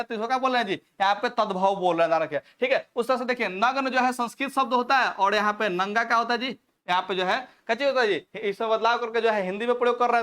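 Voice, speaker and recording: A man's voice: very high voice, fairly bright tone. Man teaching, constant self-quizzing refrains. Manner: repetitive, keeps asking and answering his own questions; fills talk with "dhyan rakhiye" and "thik hai". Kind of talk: online class lecture.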